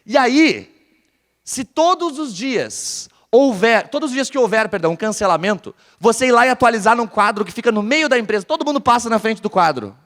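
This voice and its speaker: A man's voice: very high-pitched, brisk. A man from Porto Alegre with a southern Brazilian accent, giving a live business talk to an audience and keeping them engaged by quizzing them. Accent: southern Brazilian (gaúcho). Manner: energetic, keeps quizzing the audience. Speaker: conference speaker. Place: large hall with a live audience. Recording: reverberant hall sound.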